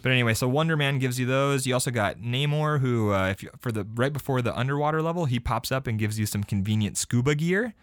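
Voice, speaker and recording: Podcast co-host, male, excitable retro gaming chatter, dry close recording. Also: medium pitch, quick pace, few pauses, no room sound. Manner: enthusiastic, animated retelling with shouted quotes. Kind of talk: casual chat about retro games.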